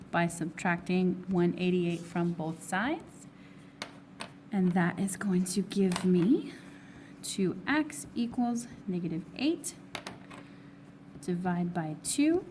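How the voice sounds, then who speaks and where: A woman teacher with a hoarse, fading voice, working step by step through a recorded math review and asking herself questions before answering them. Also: fairly low pitch, a little hiss or hum. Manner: steps through problems, asking and answering her own questions. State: hoarse, losing her voice, with coughs. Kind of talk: recorded test review lesson.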